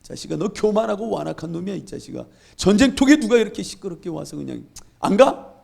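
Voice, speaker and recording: A man voicing an angry older brother soldier, scolding and shouting insults at a younger sibling. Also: sits high, sing-song, quick pace, creaky, breathy edge, heavily acted.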